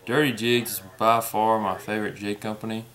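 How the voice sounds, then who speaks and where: A young man casually unboxing fishing tackle at a table indoors, unhurried, naming each item as he opens it. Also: on the low side, little pitch movement, fairly bright tone. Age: young adult. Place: indoor room at a table with plants. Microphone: camera in front at table distance.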